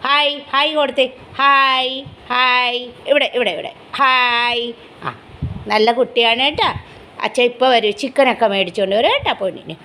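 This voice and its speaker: A woman's voice: a little high, normal speed, sharp tone. A woman, filming at home on a phone and talking to her pet dog in fond, sing-song baby talk. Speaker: pet vlogger. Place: home indoors.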